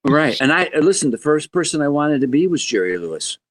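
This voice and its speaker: A man in his seventies, a guest musician telling stories in a podcast interview in an animated, joking way. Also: a little fast. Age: 70s. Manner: animated, joking, wide swings in pitch.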